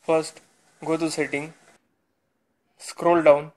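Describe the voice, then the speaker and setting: A man talks through a phone reset tutorial in short instructional steps. His voice sits a little high for a man. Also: little pitch movement, slow pace, darkish tone. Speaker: tech channel host.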